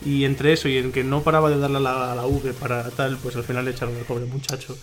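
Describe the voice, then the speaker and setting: A young man co-hosting a casual home podcast, a chatty storyteller with quick asides. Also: medium pitch, flat delivery, faint music behind. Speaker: podcast co-host. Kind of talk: casual chat about video games. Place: home room, beside a laptop.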